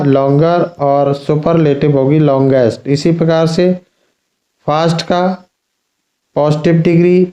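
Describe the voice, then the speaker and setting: A man teaching an English grammar lesson to schoolchildren, explaining slowly and repeating himself. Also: a little high, dark tone, reverberant, lo-fi sound. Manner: slow, repetitive explaining, addressing children. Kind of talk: classroom lesson.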